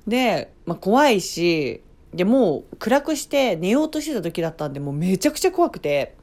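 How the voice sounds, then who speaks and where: A woman's voice: mid-range voice, sing-song, moderate pace, a little mellow. A woman casually telling a story on her own as a podcast host, chatty, breaking off for playful asides and acting out sounds and reactions.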